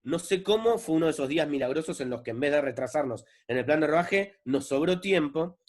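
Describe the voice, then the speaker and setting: A man's voice: fairly high pitch, a little fast. Argentine man explaining film craft. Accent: Argentine Spanish. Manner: relaxed, conversational, frequent "¿no?" and fillers. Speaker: film director giving a masterclass. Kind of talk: explanatory lecture.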